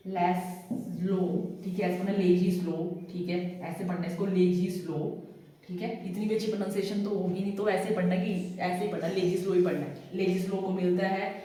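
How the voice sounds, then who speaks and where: A woman teacher, giving a classroom lecture and repeating names slowly, with a steady "okay" after each point. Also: fairly low pitch, slight background noise. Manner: repeats names slowly with memory tricks, frequent "theek hai". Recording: echoey classroom, far from mic.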